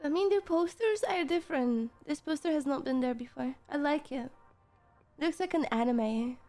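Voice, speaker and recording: Style: gameplay commentary. Sex: woman. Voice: high, playful. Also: normal speed, warm tone, soft background music. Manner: playful, chatty, sing-song. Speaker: streamer.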